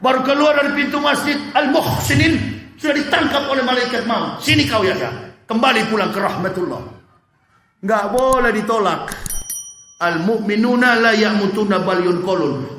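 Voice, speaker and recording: Fiery high-voiced male preacher. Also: moderate pace, a little hiss or hum. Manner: fiery, with sudden shouted bursts and jokes to the congregation. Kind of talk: sermon. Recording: echoey mosque hall.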